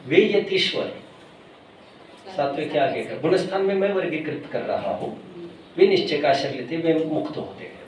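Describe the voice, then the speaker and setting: A man giving a scripture discourse to an audience, explaining slowly, asking for doubts and mixing in English words. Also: sits high, darkish tone, a little hiss or hum. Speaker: preacher. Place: large hall at a pilgrimage site. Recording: echoey hall, voice from far off.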